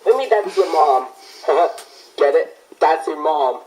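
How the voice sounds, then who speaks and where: A man's voice: a little high, lively intonation, takes it slowly, a little mellow. A young man making a reaction video, teasing and giggly, who repeats his jokes. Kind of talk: casual reaction commentary. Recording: faint noise.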